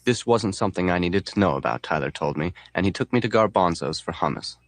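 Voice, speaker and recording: A man narrating an audiobook in a deadpan, wry tone. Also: sits low, fast talker, dry recording. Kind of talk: scripted narration.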